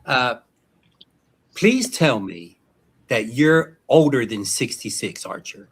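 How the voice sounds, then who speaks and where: Lively, husky joking man. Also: mid-range voice, takes it slowly, no echo. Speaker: guest. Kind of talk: casual panel chat.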